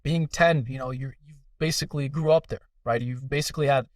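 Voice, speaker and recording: A man's voice: medium pitch, steady tone, a little fast, dry recording, studio quality, recorded from a distance. A young adult man from Iran, a podcast guest telling his story in casual, earnest conversation with many fillers.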